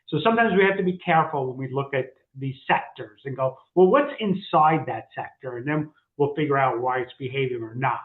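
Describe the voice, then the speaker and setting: A man co-hosting a casual market discussion, halting with frequent fillers and restarts. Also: mid-range voice. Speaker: co-host, financial advisor. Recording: echoey, phone-like sound.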